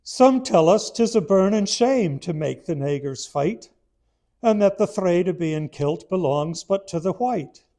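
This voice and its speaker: A man reading verse aloud in the voice of a boisterous Irish immigrant soldier, with a put-on Irish brogue and a loud, rollicking ballad delivery. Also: sits high, lively intonation, measured pace, pitched above the performer's own voice.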